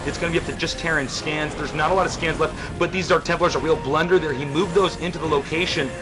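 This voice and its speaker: A man doing live game commentary, excitable and stumbling over repeated words, his voice going hoarse. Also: fairly high pitch, quick pace. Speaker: esports caster. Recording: music clearly behind. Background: background music.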